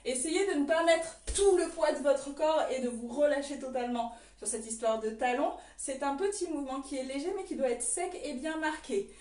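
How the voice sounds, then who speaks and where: A woman's voice: high-pitched, normal speed, few pauses, a little mellow. A woman teaching an online belly dance lesson, explaining moves and calling out counts as she dances. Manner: counts and calls steps aloud while dancing. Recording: roomy echo, distant from the mic.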